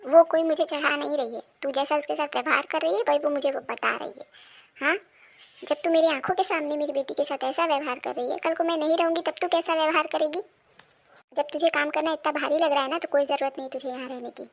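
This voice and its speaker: A high, gravelly voice of a strict mother-in-law, played by a woman. She barks commands at her daughter-in-law and dotes on her own daughter in a homemade family comedy. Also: steady tone, quick pace. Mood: scolding. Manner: scolding, commanding. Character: scolding, partial older mother-in-law. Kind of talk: amateur family comedy drama.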